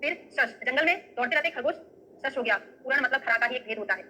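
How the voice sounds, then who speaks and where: A woman's voice: sits high, expressive, quick pace, bright, forceful tone, a little hiss or hum, low-quality recording. A woman teaching an exam-prep lecture, often asking students questions and checking with "right?" as she gives memory tricks. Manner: memory tricks and everyday examples. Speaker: Ayurveda teacher.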